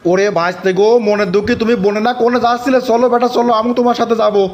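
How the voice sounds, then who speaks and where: Excitable village uncle, comic cartoon, high voice, fast talk, gossipy repetition. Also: male voice, muffled recording, soft background music. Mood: agreeing. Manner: calling out, repeating news eagerly. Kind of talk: comic cartoon dialogue, rustic dialect.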